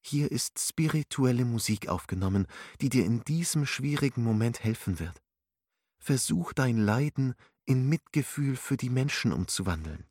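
A man voicing a calm, wise woman who counsels with soothing, gently instructive words. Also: mid-range voice, moderate pace, no echo, studio quality, lightly acted. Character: calm, wise older female spiritual counselor.

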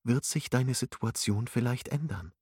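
A man's voice: mid-range voice, moderate pace, slightly rough, no echo, clean studio sound, close to an everyday voice. A man reading a soothing female spiritual guide. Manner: soothing, gently instructive. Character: calm, wise older female spiritual counselor.

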